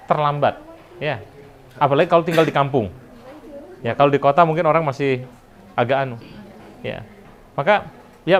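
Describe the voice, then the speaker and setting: A man's voice: a little high, lo-fi sound. A middle-aged man giving a chatty university lecture, slipping in English phrases and laughing at his own jokes. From Indonesia. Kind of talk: classroom lecture.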